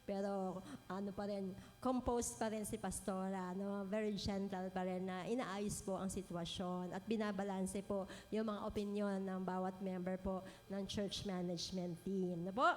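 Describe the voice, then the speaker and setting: A middle-aged woman preaching a sermon in a gentle manner, often adding "no po?" as she speaks. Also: medium pitch. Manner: gentle, frequent "no po" tag questions, mixes English phrases. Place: church hall. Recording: long hall reverb.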